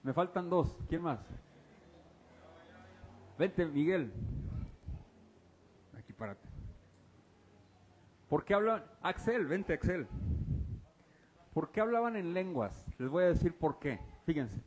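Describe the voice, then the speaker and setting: A pastor leads a lively church sermon, constantly quizzing the congregation and joking with volunteers. His speaking voice sits notably high for a man. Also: takes it slowly, long pauses. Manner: quizzes the congregation, casual and teasing. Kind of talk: interactive sermon. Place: church service before a congregation.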